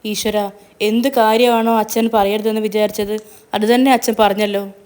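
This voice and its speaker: A loud, emotional young woman who pleads and presses for answers, put on by a female narrator. Her voice sits a little higher and stronger than the narrator's own, with a fairly level melody, in a spoken storybook reading. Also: level tone, moderate pace, smooth, natural voice. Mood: tearful. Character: distraught young woman, a grown daughter.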